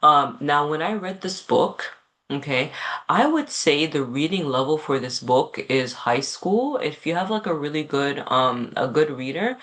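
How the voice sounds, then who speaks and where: A man's voice: on the high side, lively intonation, unhurried, fairly bright tone. A man giving a casual book review, rambling with lots of fillers and asides, often tagging his points with "okay?". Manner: ends points with a checking "okay?". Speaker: book vlogger.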